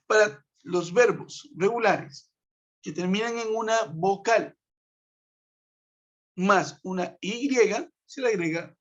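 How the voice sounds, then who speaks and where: A man teaching an English grammar class over a web conference, patiently walking through each rule step by step and checking in with his students. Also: high-pitched. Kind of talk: online class explanation. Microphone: web conference computer mic. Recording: dull lo-fi web conference audio.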